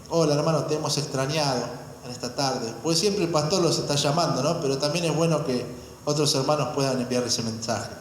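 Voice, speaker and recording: A man's voice: a little high, a little hiss or hum. A man preaching a sermon as pastor, calling out amens and asking the congregation questions. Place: church hall. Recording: very echoey hall, faint music.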